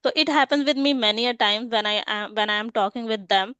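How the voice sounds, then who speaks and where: A woman's voice: fairly high pitch, brisk, a bit bright, clean tone, dry recording, highs cut off. A woman hosting a casual podcast conversation, speaking earnestly and reflectively with "you know" fillers. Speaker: podcast host.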